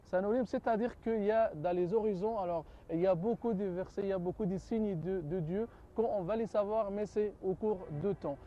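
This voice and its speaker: Hesitant man, mellow voice. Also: high voice, fairly quick, hardly any pauses, highs cut off. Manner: hesitant, searching for French words, repeats "alors". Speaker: guest scholar of comparative religion. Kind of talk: studio talk show answers.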